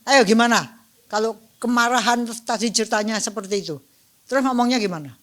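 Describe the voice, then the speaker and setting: A middle-aged woman giving a dharma talk in a bright, lively voice. She speaks playfully, acting out little scenes and asking her listeners questions, in a fairly high register. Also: a little fast. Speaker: dharma teacher.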